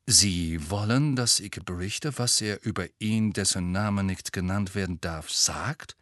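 A man's voice: medium pitch, very animated, takes it slowly, a bit bright, dry recording, clean studio sound. A man voicing a pushy, scheming middle-aged woman reporter, gushing and prying in a storybook reading. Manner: gushing, prying, dramatic emphasis.

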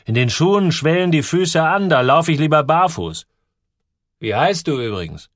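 Audiobook part: a gruffly caring stoker put on by a man, pitched up and calling out, lively. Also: moderate pace, dry recording, studio quality. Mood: friendly. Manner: loud, calling over noise. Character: barefoot boiler man, kindly, worried, loud. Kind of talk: audiobook reading.

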